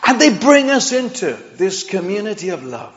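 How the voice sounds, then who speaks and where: A Chilean man with an English accent preaches as a visiting pastor, earnest and conversational, building to emphatic swells. His voice is high with big pitch movement at a moderate pace, and the recording has a dull, echoey hall quality.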